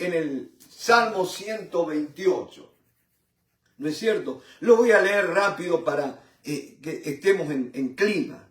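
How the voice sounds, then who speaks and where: Fervent male Bible teacher, high voice, halting restarts; echoey distant room recording. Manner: fervent, repeats "mi hermano" and "¿no es cierto?"; halting with restarts, swells and drops in loudness. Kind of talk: Bible study sermon. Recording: roomy echo from a distant mic.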